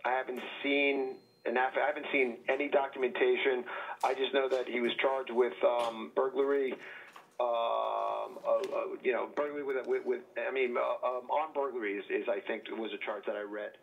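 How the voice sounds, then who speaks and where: A man's voice: mid-range voice, fairly even intonation, moderate pace, gravelly, a little hiss or hum. A man, a defense attorney, calling into a court hearing over a speakerphone, talking hesitantly with many fillers and restarts. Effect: heard over a courtroom speakerphone. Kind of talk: phone call into a court hearing. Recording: tinny phone line on speakerphone.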